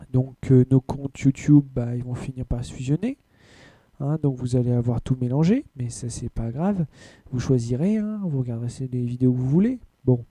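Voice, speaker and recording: A man hosts an anime and manga podcast, rambling casually and bluntly through the news in a rant full of filler words. His voice is mid-range and mellow, with no room sound.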